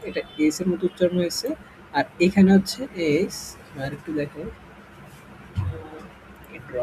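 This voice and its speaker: Man, Bengali accent, grammar teacher, fairly high voice, faint hiss behind. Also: a little mellow, poor audio. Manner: explains slowly with checking questions. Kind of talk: screen-shared grammar lesson.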